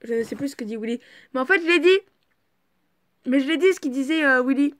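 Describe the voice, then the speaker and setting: Brief: a woman with a somewhat high voice reads a fan story aloud at home. She keeps breaking off into chatty asides and swears freely. Her remarks jump up into loud, excitable bursts. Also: quick pace. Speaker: reader of a fan fiction. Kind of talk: casual reading aloud with chatty commentary.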